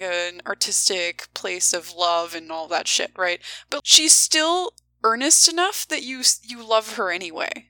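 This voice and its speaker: A woman's voice: medium pitch, pushed and bright, dry recording, rough recording. A woman co-hosting a podcast, chatting casually and ranting with strong opinions, swearing freely. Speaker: podcast co-host. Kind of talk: casual chat.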